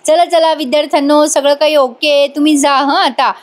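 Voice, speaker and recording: Playful male professor friend, teasing, repeats phrases, high voice, woman reading. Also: fairly even intonation, normal speed, close to an everyday voice. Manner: teasing, coaxing, repeats himself.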